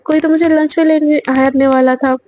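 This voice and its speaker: A woman's voice: high-pitched, steady tone, moderate pace, darkish tone, a little hiss or hum, natural voice. A woman voicing a short-tempered young woman student in a storybook reading, snappy and complaining. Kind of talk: storybook narration with voiced parts.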